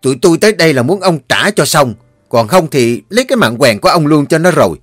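A man voicing a brawny young debt collector in a storybook reading, threatening and talking fast. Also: on the high side, very animated, fairly bright tone, no room sound, studio quality, voice pushed up.

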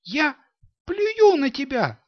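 Man doing a shrill furious robber girl. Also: big pitch swings, slow, dry recording, heavily acted. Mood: furious defiant. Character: fierce young robber's daughter, defiant. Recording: dull dry lo-fi sound.

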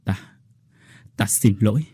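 A man voicing a dying older woman who speaks gently and with remorse in a ghost story. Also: takes it slowly, no echo, natural voice. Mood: tender. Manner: soft and tender.

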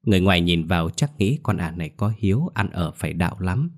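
A man narrating a scripted horror story in a steady, grave way. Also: deep voice, fast.

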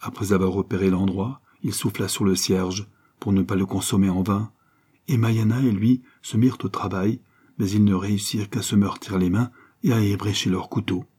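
Male audiobook reader, low mellow voice, steady storytelling narration. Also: normal speed, slightly rough. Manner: steady storytelling with lifted voice in dialogue.

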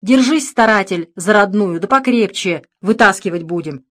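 A man's voice: high voice, lively intonation, moderate pace, pushed and bright. A woman reading an audiobook, voicing a grumpy, coarse young workman. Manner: gruff, grumbling.

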